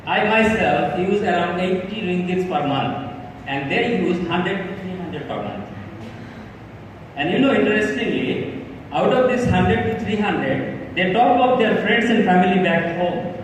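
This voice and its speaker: A man from Bangladesh presents on stage in a slightly raised voice, talking earnestly and haltingly. He is picked up from far off, with a long, echoing hall reverb and a faint hum of room ambience behind him. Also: sits high, lively intonation. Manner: earnest, halting, with frequent fillers and restarts. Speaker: startup presenter. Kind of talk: live pitch presentation.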